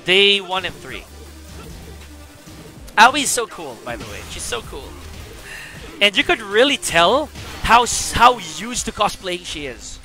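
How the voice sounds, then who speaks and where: Guy streaming a fighting game, super animated voice swinging all over, chatty and hyped, bit of music behind. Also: sits high, takes it slowly, pauses often. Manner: excitable and chatty, greets viewers. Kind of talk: casual live-stream commentary.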